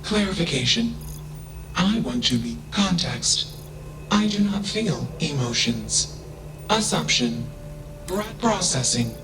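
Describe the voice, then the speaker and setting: Casting: emotionless robot, slow and deliberate, flat emotionless delivery. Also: male voice, a little high, noisy background, full character voice. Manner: flat emotionless delivery, announcing each statement type. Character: emotionless damaged male robot speaking in labeled statements. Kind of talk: video game voice acting. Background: game music.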